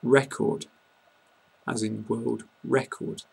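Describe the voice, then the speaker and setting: A British-accented man teaches English pronunciation, saying words one at a time and repeating them with care. His voice is gravelly and a little husky, and his pitch stays flat and even. He speaks slowly, like a patient tutor. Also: rough recording. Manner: slow, deliberate word-by-word pronunciation. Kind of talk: pronunciation lesson.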